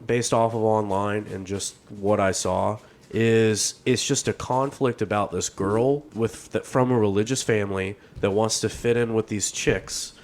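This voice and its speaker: A young man on a relaxed chat podcast, easygoing and quick with short reactions to his co-host. His voice sits on the lower side. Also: a little hiss or hum. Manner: laid-back, reacting with quick asides. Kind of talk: casual chat.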